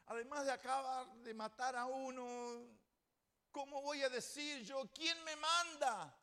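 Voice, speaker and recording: A man acting out a frightened Moses who begs out of a task in a high, whiny plea. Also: measured pace, bright, forceful tone, full character voice. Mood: pleading. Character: frightened reluctant young Moses, pleading.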